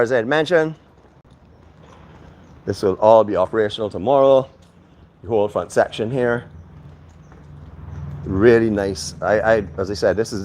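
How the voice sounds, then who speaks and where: A man's voice: fairly low pitch, slight background noise. A man casually narrating a walk-through of a venue for his vlog, chatty and friendly, with frequent fillers, recorded on a handheld camera. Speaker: vlogger. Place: venue under a tent, indoors and outdoors.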